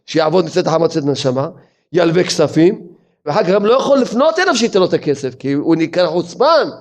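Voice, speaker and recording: A man, a rabbi, giving a sermon as a lively story full of rhetorical questions. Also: a little high.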